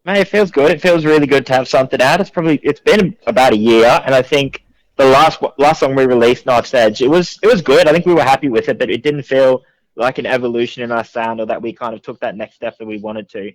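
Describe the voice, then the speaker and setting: Calling into a radio program, a band member from Queensland, Australia, speaks casually and quickly in a medium pitch. No room sound comes through.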